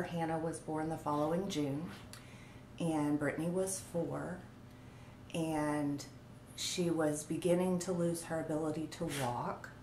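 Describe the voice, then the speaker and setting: Woman, 40s, low slow delivery, halting with fillers, roomy home recording with faint background noise. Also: darkish tone. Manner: halting, many ums and pauses. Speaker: vlogger. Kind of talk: personal story told on camera.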